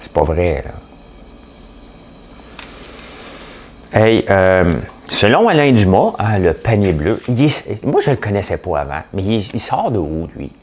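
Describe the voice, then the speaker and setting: A man with a Quebec French accent hosts his show with a low, deep voice. His intonation rises and falls in a lively way as he delivers a blunt, joking monologue. He keeps throwing rhetorical questions at the listener. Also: normal speed, few pauses. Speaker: podcast host. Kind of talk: casual opinion monologue.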